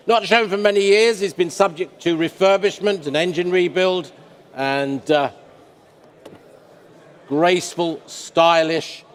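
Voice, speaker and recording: A man with a slightly high voice presents auction lots in measured, descriptive phrases. The sound carries the long reverb of a large indoor hall. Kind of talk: semi-scripted lot presentation commentary.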